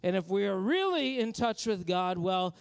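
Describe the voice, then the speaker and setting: A man preaching a sermon, halting and repeating words at times, then building to impassioned exhortation. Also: sits high, sing-song, gravelly, clear, resonant tone, in a large hall.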